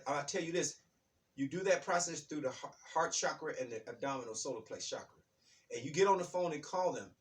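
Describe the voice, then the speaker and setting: A man with a fairly high voice gives a self-recorded spiritual self-help monologue. He rambles, circles back and trips over his words. He sits some way from the mic, so his voice sounds distant. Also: a bit bright. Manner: rambling, repeats himself, restarts phrases. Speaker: self-help channel host. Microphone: self-recorded on his own device. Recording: voice distant from the microphone.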